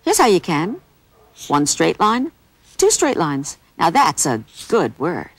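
A woman hosting a children's TV show, presenting crafts and tricks in an animated, bouncy way and talking straight to the children. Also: lowish voice, takes it slowly, no echo, faint music behind. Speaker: children's TV host.

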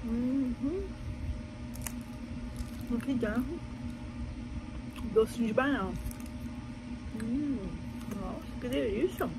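A woman's voice: fairly high pitch, slow, long pauses, noisy background. A woman vlogger talking while chewing as she tastes sweets, chatting to her viewers. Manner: chatty, addresses viewers directly. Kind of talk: casual food-tasting vlog. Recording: loud background music.

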